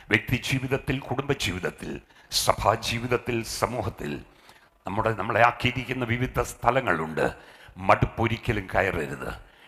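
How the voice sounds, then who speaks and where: A man's voice: mid-range voice, fairly bright tone. A middle-aged man preaching a sermon as pastor. He punctuates his talk with frequent hallelujahs and rises into emphatic calls.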